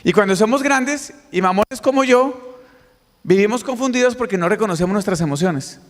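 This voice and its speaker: Colombian guy pacing a big echoey hall, high-ish voice, keeps asking the crowd "right or not". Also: normal speed. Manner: lively, questions the audience directly. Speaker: motivational speaker. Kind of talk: conference talk with audience questions. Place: large conference hall. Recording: reverberant hall, mic on stage.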